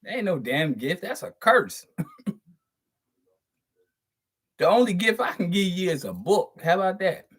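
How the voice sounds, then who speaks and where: A man's voice: high voice, big pitch swings, unhurried, pauses often, a bit bright, breathy edge. A man hosting his channel, giving a profane spiritual monologue to viewers, stressing and drawing out words and chuckling between points. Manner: profane, preachy, emphatic. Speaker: channel host.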